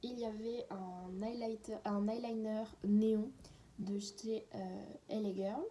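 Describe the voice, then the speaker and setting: Mellow-voiced woman chatting casually. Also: mid-range voice, fairly even intonation, slow pace, slight background noise. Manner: chatty, often drops to a half-whisper. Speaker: beauty vlogger. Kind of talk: casual unedited haul chat.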